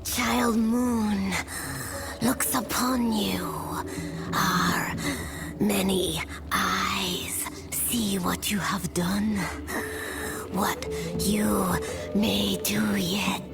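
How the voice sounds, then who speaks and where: An actress voicing a solemn, ancient forest witch of the Fae in a fantasy game, speaking cryptically in a breathy, creaky whisper. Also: medium pitch, steady tone. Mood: ominous. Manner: slow, cryptic, incantatory, speaking as a collective we. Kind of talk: fantasy video game voice acting. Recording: music under the voice. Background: music.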